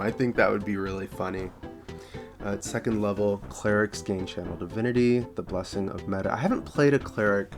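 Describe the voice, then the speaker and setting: A man casually reviewing homebrew tabletop rules, thinking aloud and repeating himself as he goes. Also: fairly low pitch. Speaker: tabletop game content creator.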